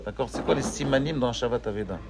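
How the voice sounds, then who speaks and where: A man teaching a Torah class, animated, asking his students questions and joking with them. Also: mid-range voice, fast, vocal fry, noisy background.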